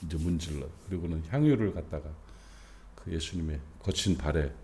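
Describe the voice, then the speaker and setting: A man's voice: rumbling low, brisk, darkish tone, slight background noise. A middle-aged man, a senior pastor, preaching a dawn service sermon in a conversational way, with rhetorical questions and many fillers, rising to emphasis on his main points.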